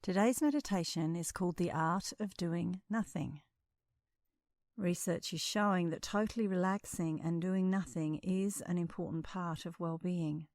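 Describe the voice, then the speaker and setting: Leading a guided meditation, this woman speaks calmly and soothingly at a measured pace with long pauses. Her pitch is fairly low and the audio has no echo.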